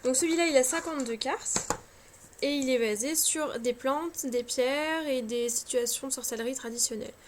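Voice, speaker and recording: Woman, high voice, casual home vlog, hesitant, fillers, self-mocking, tired, faint background scratching. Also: normal speed, a little hiss or hum. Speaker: cartomancy vlogger. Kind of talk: casual chat showing card decks.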